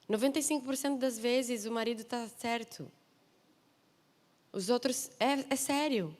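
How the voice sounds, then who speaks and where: A woman missionary preacher with a Brazilian Portuguese accent, delivering a sermon with lively, humorous storytelling and emphatic asides. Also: a little high. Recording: long reverb of a large hall.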